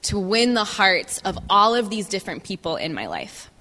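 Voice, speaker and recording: A woman giving a personal testimony as a guest speaker, speaking in measured phrases and pausing for an interpreter. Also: medium pitch, very animated, sharp tone. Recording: reverberant hall.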